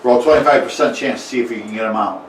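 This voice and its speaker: A man narrating as game master in a casual tabletop game, talking haltingly with many fillers and restarts. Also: medium pitch. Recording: echoey room, mic far off, faint noise.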